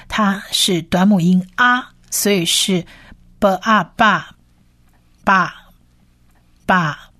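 Slow, patient woman teaching pronunciation. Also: medium pitch. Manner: patient, repeats each sound slowly several times. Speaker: Hebrew language teacher. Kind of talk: slow spoken lesson.

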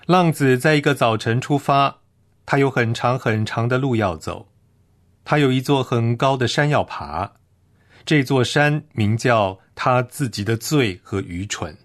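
A man preaching a read sermon in a slow, earnest, solemn way. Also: mid-range voice.

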